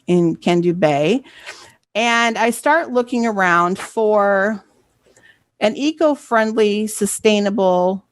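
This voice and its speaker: A woman's voice: medium pitch, dry recording. A middle-aged woman, a library program coordinator, giving a presentation in a conversational storytelling way and often checking in with "right?". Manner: conversational, asks "right?" for assent.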